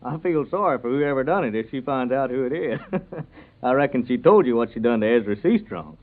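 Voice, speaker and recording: An actor playing an earnest, plain-spoken small-town neighbour with a rural Southern American accent in an old radio comedy serial. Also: male voice, mid-range voice, animated, brisk, close to an everyday voice. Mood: folksy, amused. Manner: folksy, earnest. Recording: narrow, tinny vintage radio recording.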